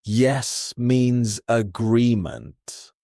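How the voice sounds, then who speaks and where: A man calmly leading a relaxation-style language lesson, unhurried and repeating words with pauses, recorded close up. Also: mid-range voice, dry recording. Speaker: English teacher and relaxation guide.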